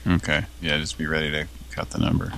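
A man hosting a prank call show in loose, wry chat, with swearing dropped in as he goes. His voice is very deep and gravelly. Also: completely flat delivery, fast, heavy background noise. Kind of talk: casual chat.

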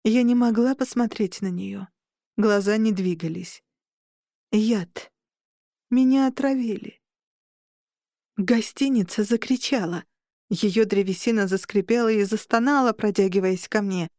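A woman narrating an audiobook in the first person, with measured, tense storytelling. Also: mid-range voice, warm tone, no room sound, clean studio sound.

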